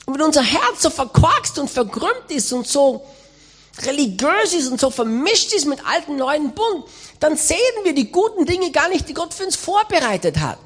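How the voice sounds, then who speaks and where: A woman's voice: sits high, sing-song, normal speed. A woman speaking a sermon as a voice-over, in an emphatic, exhorting way.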